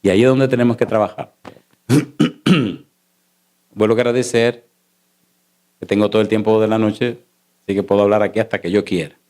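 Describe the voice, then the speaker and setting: A man, a pastor preaching a sermon in a church, asking the congregation rhetorical questions and switching between slow stressed lines and rapid runs. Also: lowish voice, fairly even intonation, a little mellow. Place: church sanctuary. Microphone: sermon recording.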